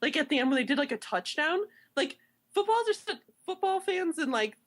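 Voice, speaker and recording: A young woman from Chicago, co-hosting a podcast in casual chat, rambling and animated, full of "like" fillers. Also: high-pitched, moderate pace. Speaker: podcast co-host.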